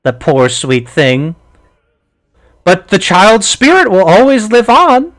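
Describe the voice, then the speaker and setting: A man's voice: high-pitched, wildly swooping pitch, takes it slowly, a bit bright, pitched above the performer's own voice, exaggerated voice. A man voicing a scheming old female green hag in a tabletop game, gloating in a sing-song way.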